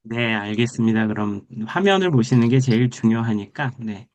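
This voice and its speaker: A man's voice: mid-range voice, normal speed, a little mellow. A man, the guest author, speaking politely on a video call before his presentation. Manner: polite, brief acknowledgments. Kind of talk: online book talk presentation.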